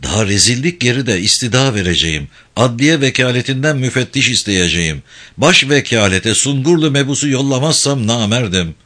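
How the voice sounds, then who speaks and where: A man's voice: medium pitch, lively intonation, brisk, sharp tone. A man voicing a proud, stubborn elderly notable who talks haughtily and defiantly. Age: older.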